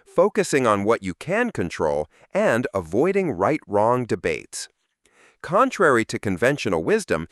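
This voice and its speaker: A man reading a scripted explanation in an even, explanatory delivery. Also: medium pitch, no room sound, clean studio sound. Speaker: narrator. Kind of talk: scripted narration.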